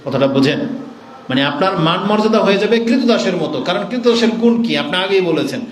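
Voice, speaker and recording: A man's voice: high-pitched, expressive, brisk. A man giving a sermon, asking rhetorical questions and mocking how other preachers collect money. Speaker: Islamic preacher. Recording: echoey room with faint noise.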